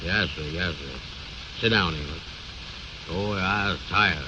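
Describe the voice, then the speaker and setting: A man's voice: low-pitched, a little slow. An actor playing a bossy, self-important man who blusters in folksy ungrammatical speech, in old radio comedy style. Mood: self-assured. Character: pompous, bossy, know-it-all man bluffing his friend. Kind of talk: 1930s-40s radio comedy acting. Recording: muffled, noisy old radio recording.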